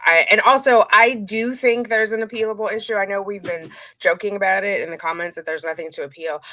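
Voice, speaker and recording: A woman with a slightly low, bright and forward voice gives casual true crime commentary. She is chatty and informal, talking straight to her viewers and often cutting into her own sentences with asides. The sound is very dry, with no room echo. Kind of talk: casual commentary to viewers, walking through documents.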